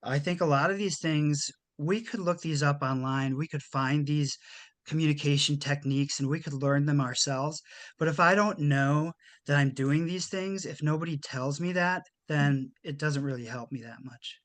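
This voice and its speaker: Measured man explaining communication. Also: fairly high pitch, no room sound. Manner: measured, thoughtful, with frequent restarts. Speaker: guest expert on communication. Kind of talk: explanatory interview talk.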